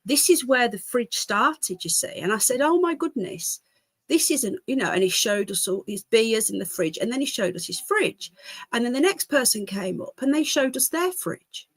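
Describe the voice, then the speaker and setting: With lively intonation at a moderate pace, a British woman speaks in a fairly high, congested voice, with no echo. As a livestream host she chats with her viewers casually and rambles, readily wandering off into asides.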